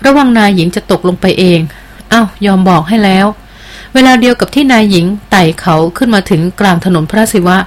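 A woman's voice: mid-range voice, a little fast, natural voice. A woman reading a devoted, respectful jungle queen. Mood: earnest. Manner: deferential and earnest. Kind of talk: audiobook character reading.

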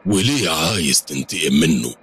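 Man doing scheming sly ally, Egyptian accent, deep husky voice, slow knowing talk. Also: lively intonation, a bit bright, full character voice. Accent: Egyptian Arabic. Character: sly, scheming male ally with a ringing laugh.

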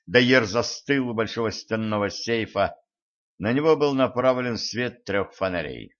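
A man reading a thriller aloud in the first person as an audiobook narrator, in an even, measured way. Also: lowish voice. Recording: muffled lo-fi recording.

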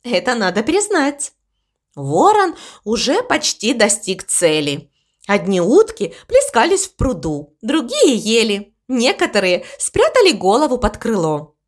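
A woman narrating a children's storybook with a bright, high voice that swoops up and down. She reads slowly and expressively, letting each sentence land. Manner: expressive, animated.

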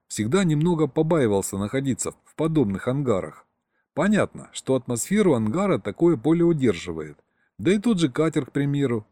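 Audiobook reader, man, warm tone, animated pitch, ironic narration. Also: dry recording. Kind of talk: first-person audiobook narration.

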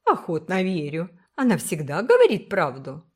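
A woman voicing a brisk, kindly older village woman who speaks firmly and emphatically. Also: lowish voice, wildly swooping pitch, darkish tone. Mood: emphatic. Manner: firm, emphatic, motherly.

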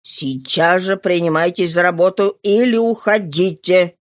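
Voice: medium pitch, a little slow, dry recording, studio quality, lightly acted. An audiobook reader voicing a stern male landowner, a former sailor, who gives curt orders. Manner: curt, commanding. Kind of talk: audiobook character voice.

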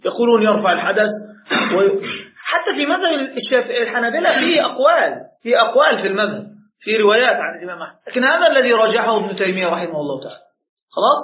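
A male sheikh lecturing with a very high, bright, tense voice at a quick clip, pressing home points with rhetorical questions. The recording sounds muffled and lo-fi, with a roomy echo. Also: big pitch swings, a little hiss or hum. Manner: emphatic, with rhetorical questions and frequent laughs. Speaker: sheikh teaching Shafi'i jurisprudence. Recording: echoey room, muffled lo-fi sound.

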